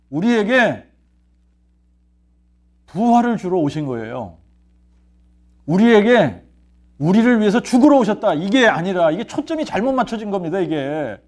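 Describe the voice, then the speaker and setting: A man's voice: high voice, a little mellow. A man, a pastor, preaching a sermon. He asks rhetorical questions, answers them himself, and repeats key phrases. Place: church sanctuary.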